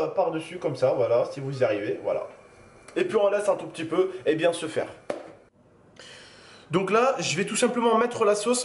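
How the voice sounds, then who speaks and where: A man hosting a casual cooking demonstration, chatty and joking as he talks straight to the viewers, with a pan sizzling. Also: high-pitched. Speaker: cooking video host. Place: home kitchen. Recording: roomy kitchen with frying noise.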